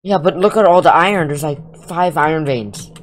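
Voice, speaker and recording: A woman gamer chatting casually with a friend while playing, excitable, laughing often and saying "dude" and "like" a lot. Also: sits low, moderate pace. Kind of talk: casual gaming commentary.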